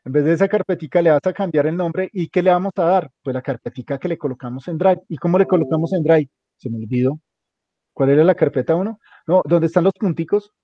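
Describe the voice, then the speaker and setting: A man's voice: a little high, fast, dry recording. A man teaching a hands-on computer class, giving directions step by step and repeating them often. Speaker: instructor. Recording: dull lo-fi recording.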